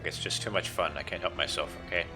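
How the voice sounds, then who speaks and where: A man's voice: low voice, steady tone, fast talker, music in the background. A man giving casual, wry gameplay commentary as he plays. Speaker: gamer commenting on a game.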